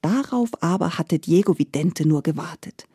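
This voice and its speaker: A woman reading a fairy tale aloud as a storyteller, soft and expressive. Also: on the low side, normal speed, breathy edge, no room sound, clean studio sound.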